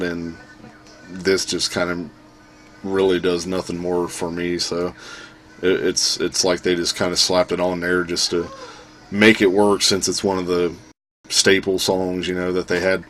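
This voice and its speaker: A man co-hosting a casual music podcast, animated and quick to laugh, imitating drum sounds as he talks. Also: low-pitched. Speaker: podcast co-host. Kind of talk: casual chat.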